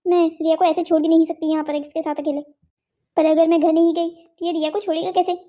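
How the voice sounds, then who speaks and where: A woman voicing a brave, caring young wife in a cartoon family story, talking in a gentle, reassuring way. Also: extremely high pitch, level tone, fast, noisy background.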